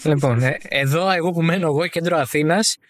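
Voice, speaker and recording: A man's voice: fairly high pitch, dry recording, studio quality. A man co-hosting a casual podcast chat about motor racing, teasing and sarcastic. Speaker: podcast co-host.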